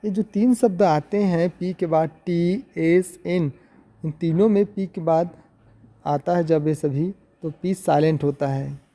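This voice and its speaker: Bright-voiced man teaching pronunciation. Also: fairly high pitch, a little slow. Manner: explains words one by one with meanings, repeating himself. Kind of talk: explanatory video lesson.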